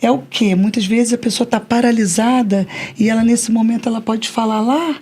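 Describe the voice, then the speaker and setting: Woman host on a podcast, kinda husky, highish voice, asks lots of questions. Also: normal speed, a little mellow. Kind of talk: podcast interview.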